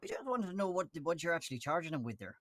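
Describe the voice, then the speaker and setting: A man's voice: on the high side, big pitch swings, rapid-fire, a bit bright, no echo, studio quality. A man playing a polite but probing questioner of a police officer in an improvised game role-play, phrasing things hesitantly.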